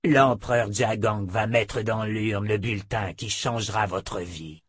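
A man's voice: on the low side, a little slow, a bit bright, breathy edge, no echo. Man doing a sneering cruel enemy soldier. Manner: sneering, mocking. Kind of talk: audiobook character voice.

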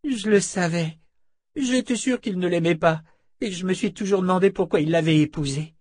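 A man's voice: high-pitched, moderate pace, a little mellow, no room sound, studio quality, voice pushed up. A man voicing a distrustful, loyal teenage boy in an audiobook, with a suspicious, questioning manner. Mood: eager. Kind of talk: audiobook character voice.

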